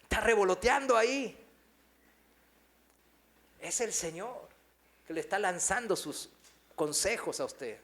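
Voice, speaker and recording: A man's voice: high-pitched, animated, unhurried, long pauses, a bit bright. A male pastor, preaching a sermon full of rhetorical questions to his congregation.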